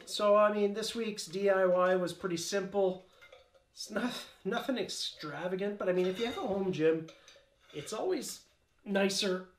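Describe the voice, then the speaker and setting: A chatty, offhand man with a high-sitting voice hosts a DIY home gym channel, giving a casual how-to vlog sprinkled with small jokes and asides. He's indoors in a cluttered garage gym, picked up by a camera-mounted mic a few meters away, and the garage sounds echoey with faint noise.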